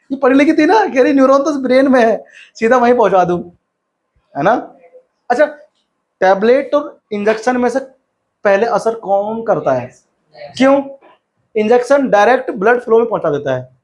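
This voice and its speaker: Young male science teacher, high-pitched, casual and chatty, tells funny anecdotes and reads English textbook lines slowly. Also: darkish tone. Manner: chatty, tells funny anecdotes, asks and answers his own questions. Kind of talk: casual classroom lecture.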